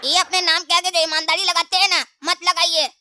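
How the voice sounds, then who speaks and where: A woman's voice: extremely high pitch, level tone, a little fast, pushed and bright, a little hiss or hum, heavily acted. A woman voicing an indignant young male witness in a comedy skit, with a whiny, sarcastic way of complaining.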